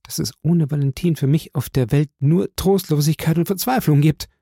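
A passionate young soldier crushed by grief pours out his despair, as a male reader puts him on. His lines climb higher and louder with a gravelly edge. The recording is close and dry. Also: moderate pace, dry recording. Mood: impassioned. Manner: impassioned, rising to pleading outbursts.

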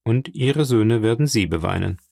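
A man reading the lines of a calm, worldly middle-aged count in an audiobook, measured and quietly ironic. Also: on the low side, vocal fry, dry recording, clean studio sound. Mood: composed.

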